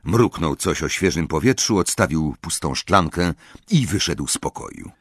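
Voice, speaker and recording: A man reading an audiobook in a measured, expressive way. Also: deep voice, husky, no room sound, clean studio sound. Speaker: audiobook reader. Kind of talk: audiobook narration.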